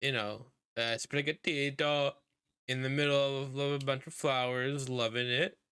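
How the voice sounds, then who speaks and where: A man hosts a casual podcast over a computer mic on a voice call. His voice is smooth and resonant at a middling pitch, and the sound is dry and close. He rambles along with plenty of fillers. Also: level tone, measured pace, bright, forceful tone, no echo. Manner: rambling, filler-heavy talk. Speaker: podcast host.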